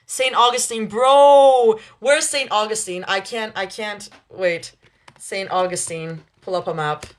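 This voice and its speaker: A young woman hosting a livestream, chatting casually with viewers, laughing often between quick asides. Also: medium pitch, fairly even intonation. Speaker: livestream host reading chat. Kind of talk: casual live chat with viewers.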